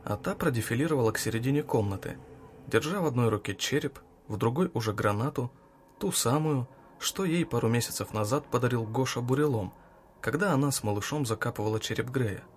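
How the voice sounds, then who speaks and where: A man narrating an audiobook in an even, measured reading. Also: mid-range voice, slight background noise.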